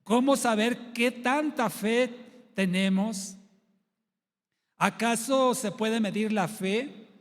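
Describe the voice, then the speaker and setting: A man's voice: high voice, slow pace, pauses often, big-room sound. A man preaching a sermon as pastor in a church, teaching through a string of rhetorical questions.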